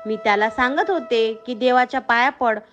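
A woman's voice: a little high, moderate pace, fairly bright tone, highs cut off, soft background music, close to an everyday voice. A woman voicing a stern but loving village mother who speaks firmly and scolds. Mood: complaining. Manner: firm, scolding.

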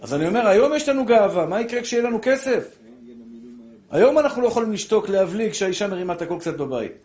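Older preacher man, fiery and direct. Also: high voice. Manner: animated preaching, addresses listeners as brothers. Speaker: rabbi giving a Torah class. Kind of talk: sermon.

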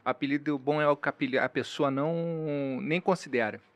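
A man's voice: a little high, fairly even intonation, no room sound. A young man from Rio de Janeiro with a Carioca accent, joking and telling stories in casual podcast banter. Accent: Carioca Brazilian Portuguese. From Rio de Janeiro, Brazil. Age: young adult. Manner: quick, joking, storytelling.

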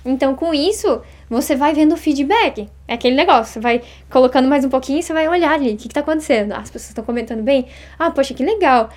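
A woman in her thirties from Brazil, chatting as an interview guest, talking fast and acting out little quoted exchanges. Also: high voice, darkish tone. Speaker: interview guest, Japanese teacher. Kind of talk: casual interview chat.

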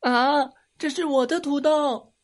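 A woman's voice: mid-range voice, unhurried, pitched above the performer's own voice, natural voice. A woman doing an eager little boy. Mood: childlike. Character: young boy, eager and easily upset.

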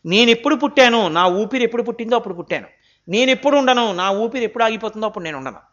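A man giving a spiritual discourse on scripture, animated and full of rhetorical questions, now and then chanting verses. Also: high-pitched, racing, muffled recording. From India. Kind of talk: Gita discourse, sermon.

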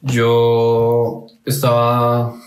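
A man's voice: mid-range voice, monotone, drawn-out words. A man with a Colombian accent telling an amused, slangy story in casual podcast chat. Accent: Colombian Spanish. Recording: echoey room with faint noise.

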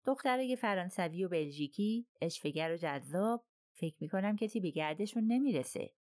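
A courteous, musing middle-aged detective, read by a woman narrator in an audiobook. The voice is lowish for a woman and very dry and close, with polite, questioning turns. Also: animated, darkish tone, dry recording, lightly acted. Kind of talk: audiobook character reading.

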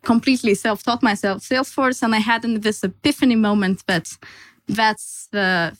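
Lively Lithuanian woman telling her story. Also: a little high, moderate pace, no echo, low-quality recording. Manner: animated storyteller, acts out her own past thoughts, laughs easily. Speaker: Salesforce consultant, podcast guest. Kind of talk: casual interview storytelling.

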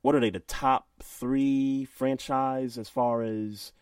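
A man's voice: medium pitch, fairly even intonation, takes it slowly, darkish tone, clean tone, no room sound. A man with a mid-range voice, co-hosting a laid-back podcast and agreeing often, stumbling over his first words. His mic sits a bit far back in a dry, dead room. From United States. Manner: agreeable, stammering restarts, reads listener comments aloud. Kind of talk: casual debate chat.

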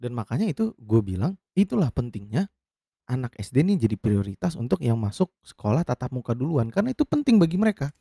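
A man's voice: fast, vocal fry, slightly rough, no echo, clean studio sound. A man telling a story in casual slang, acting out quoted lines and sounding exasperated. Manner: animated, acts out quotes with raised pitch, exasperated.

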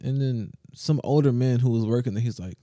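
A man's voice: mid-range voice, a little fast, warm tone, dry recording, studio quality. A young man co-hosting a podcast, telling a rambling story in casual chat with restarts and laughs. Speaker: podcast co-host.

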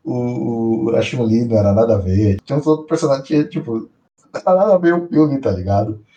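A man co-hosting a podcast in casual chat, slangy and animated, often repeating himself. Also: medium pitch, quick pace, reverberant, muffled recording, slight background noise. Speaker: podcast co-host.

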